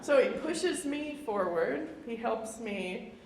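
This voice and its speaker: A woman's voice: a little high, animated, slow pace. A woman in her thirties with a Midwestern accent, giving a casual public artist talk, chatty and self-deprecating with many fillers. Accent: Midwestern American. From Indiana. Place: indoor event room. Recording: echoey room, faint noise.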